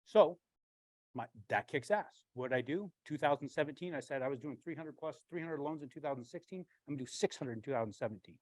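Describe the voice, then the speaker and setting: A man, a branch manager, giving a blunt, animated storytelling talk with frequent swearing and a husky voice. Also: a little high, fast, dry recording, poor audio.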